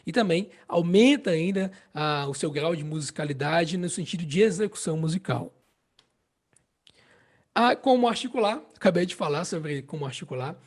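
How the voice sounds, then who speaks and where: Husky high-voiced Brazilian harmonica teacher. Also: male voice, lively intonation. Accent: Brazilian Portuguese. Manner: explains slowly, repeats phrases, checks with "né?" and "entende?". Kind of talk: casual spoken lesson.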